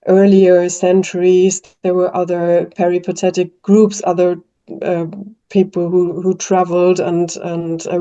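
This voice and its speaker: Dark in tone and fairly low in pitch, this woman's voice belongs to a German-speaking linguist with a German accent. She answers interview questions with care, using lots of fillers and restarts, and the audio is dull and lo-fi.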